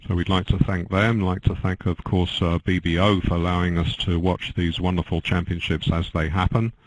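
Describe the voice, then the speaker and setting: An older man commentating on a bridge match, dry and joking, halting with many fillers. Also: low-pitched, little pitch movement, a little hiss or hum, rough recording.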